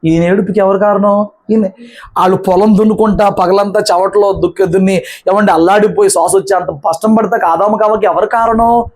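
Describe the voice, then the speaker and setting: A man's voice: sits high, steady tone, brisk, a little mellow. A pastor preaching a sermon in a colloquial, emphatic way, acting out the brothers' lines as he retells the story.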